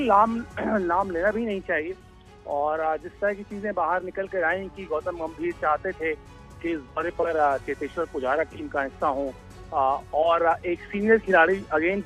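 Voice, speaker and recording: A man, a sports correspondent, giving live analysis in a measured way with frequent filler pauses. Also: sits high, fairly bright tone. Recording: slightly dull line with faint music.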